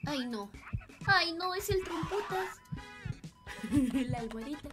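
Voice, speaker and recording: A woman's voice: sits high, animated, slow pace, music in the background. A woman, playfully commentating a game with swearing and mock panic. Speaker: streamer. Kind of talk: comedic gameplay commentary.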